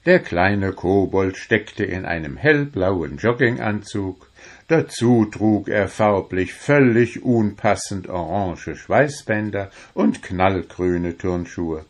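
A man reading a children's story aloud in an unhurried, expressive way. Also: deep voice. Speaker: narrator.

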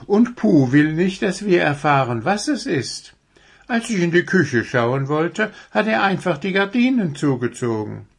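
A curious young doe from a children's storybook chatters in a high, lively voice, quick and a little sly as she spins her plans. A man puts her on while reading aloud. She sounds eager and full of herself. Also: creaky, husky, full character voice. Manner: eager, fast, fibbing.

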